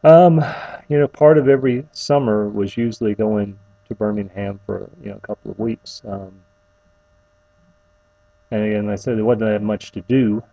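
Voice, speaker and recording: A middle-aged man giving an informal, personal eulogy, tenderly reminiscing in a halting, faltering way with long pauses. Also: fairly low pitch, vocal fry, dark tone, no echo, highs cut off.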